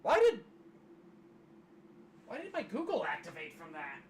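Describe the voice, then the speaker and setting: A hoarse streamer in casual livestream commentary, wry and grumbling, reading aloud from a web page. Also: medium pitch, wildly swooping pitch, a little slow, a little hiss or hum. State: losing voice, hoarse.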